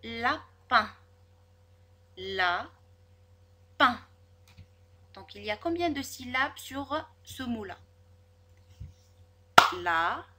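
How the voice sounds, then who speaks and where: A woman teaching a spelling lesson to children, sounding out each word slowly and clearly, syllable by syllable. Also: sits high, very animated, sharp tone, a little hiss or hum. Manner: slow, over-articulated, syllable by syllable.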